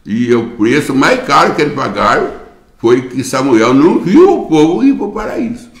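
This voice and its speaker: A man's voice: medium pitch, sing-song, moderate pace. Man, Brazilian Portuguese accent, pastor preaching, rising and falling voice, echoey church room. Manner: repeats phrases for emphasis, addresses listeners as brother. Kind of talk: sermon.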